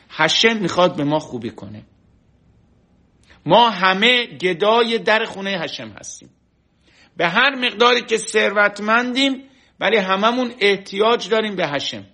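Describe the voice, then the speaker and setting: High bright guy preaching, tells a parable, does the voices of the people in it. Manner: lively storyteller, acts out quoted voices. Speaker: religious teacher. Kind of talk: storytelling sermon. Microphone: online class stream.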